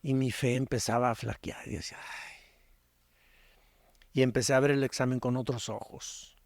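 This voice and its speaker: A middle-aged male pastor with a Mexican Spanish accent, preaching a storytelling sermon that swings from loud, animated peaks to hushed, quiet passages. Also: medium pitch, a little fast, creaky, dry recording, studio quality.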